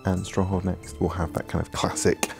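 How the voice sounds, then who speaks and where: Man, low register, relaxed developer Q&A, rambling and filler-heavy. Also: normal speed, vocal fry, music in the background. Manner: rambling explanations full of ums and you-knows. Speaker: game developer answering questions. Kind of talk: casual Q&A chat.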